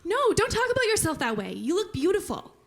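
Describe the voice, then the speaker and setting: A young woman playing a supportive teenage friend in an improvised stage scene, speaking in a warm, reassuring way. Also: very high voice, big pitch swings, fast, full character voice.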